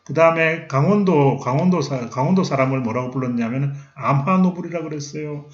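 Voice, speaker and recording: A man's voice: a little high, brisk. Middle-aged male lecturer, quizzes his class and answers himself, roomy and slightly dull sound. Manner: asks questions and answers them himself, lively. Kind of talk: recorded history lecture.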